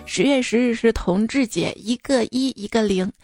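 A young woman hosts a radio-style show, reading listener jokes aloud in a teasing, chatty monologue and laughing at her own punchlines. Her voice is fairly high and a little mellow, at a moderate pace, over soft background music.

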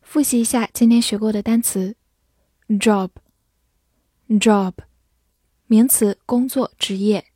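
A woman teaching English vocabulary, spelling words letter by letter and reading sentences slowly for listeners to repeat. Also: fairly high pitch, steady tone, mellow, breathy edge, no room sound, clean studio sound. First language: Chinese. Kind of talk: slow, careful vocabulary lesson.

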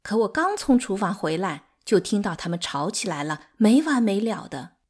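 A woman's voice: mid-range voice, sing-song, normal speed, slightly rough. A woman voicing a gossipy old maidservant telling what happened, in an audiobook.

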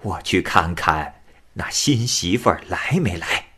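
A man voicing a kindly, shrewd old woman, soft and motherly in tone. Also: sits low, animated, unhurried, husky, voice pushed down, full character voice. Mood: coaxing.

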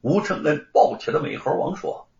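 A man narrating a historical audiobook story with an expressive, dramatic delivery. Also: fairly high pitch, normal speed, vocal fry. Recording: roomy, slightly dull recording.

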